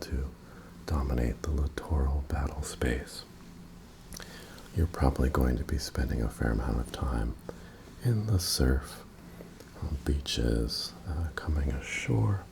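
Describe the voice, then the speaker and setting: A man in an ASMR role-play as an attentive, courteous tailor, breathy and softly presenting his wares to a customer. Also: very deep voice, unhurried, noisy background. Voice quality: breathy, mostly soft-spoken.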